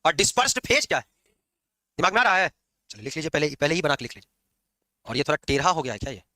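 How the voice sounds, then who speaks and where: A man lectures his chemistry class quickly, teasing and scolding students along the way. His voice is high and very bright, swooping up and down. The sound is dry and close. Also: dry recording. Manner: lively, scolding and joking with students. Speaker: chemistry teacher.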